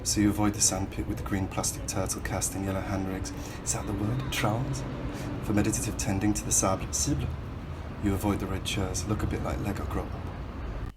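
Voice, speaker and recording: A man from Hull reads his own prose aloud in a measured, questioning way. His voice sits low and stays flat and even. A steady hiss of background noise runs under the recording. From Hull, England. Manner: measured, reflective, questioning delivery. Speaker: writer reading his own work. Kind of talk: literary reading in the second person.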